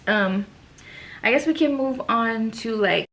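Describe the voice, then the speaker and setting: A woman's voice: a little high, slow pace, fairly bright tone. A young woman vlogger chatting casually to camera, out of breath, with lots of fillers and sighs.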